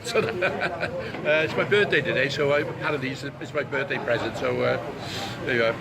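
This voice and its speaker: An older Welsh man casually interviews people on the street, his medium-pitched, creaky voice moving at normal speed over crowd noise. He laughs often and fills his talk with ums and uhs.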